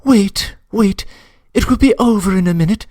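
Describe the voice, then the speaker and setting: In an audiobook reading of a classic novel, a man with a high-sitting voice and darkish tone voices a passionate young woman, at normal speed with no room sound. She pleads earnestly, close to tears, in a trembling, breathless confession.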